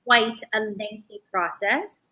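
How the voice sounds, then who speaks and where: A woman's voice: mid-range voice, slow pace, pushed and bright, a little hiss or hum, poor audio. A middle-aged woman from the Bahamas, a guest in a casual interview, talking earnestly with frequent restarts.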